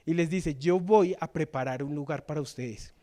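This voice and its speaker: A man's voice: a little high, moderate pace. A man preaching a sermon in church, reading scripture and putting questions to the congregation. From Colombia. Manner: asks the congregation questions, reads scripture, shifts between loud and soft.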